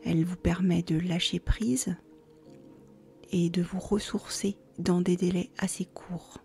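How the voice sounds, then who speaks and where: Over faint background music, a woman guides a yoga nidra relaxation in a soft, almost whispered voice that sits on the low side. Her tone is mellow with a creaky edge, and she delivers calming instructions very slowly, pausing without hurry.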